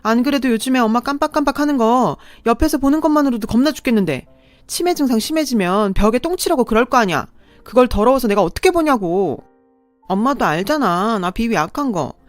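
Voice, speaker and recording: A woman's voice: medium pitch, no echo, lightly acted. A woman voicing a spoiled, selfish older sister who talks in a whiny, dismissive way.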